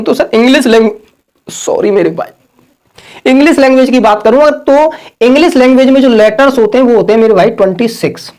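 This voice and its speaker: A man's voice: extremely high pitch, darkish tone. A man teaching an online grammar lesson. He repeats every point, drills the same lines, and keeps calling his listeners "sir" and "brother". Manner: over-pronounces the words he is correcting.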